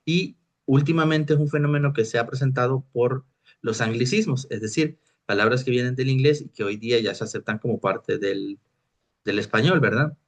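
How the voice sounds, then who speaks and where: A man's voice: medium pitch, normal speed. A man, teaching a recorded lecture on technical writing, explaining through examples and often checking in with his listeners. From Mexico.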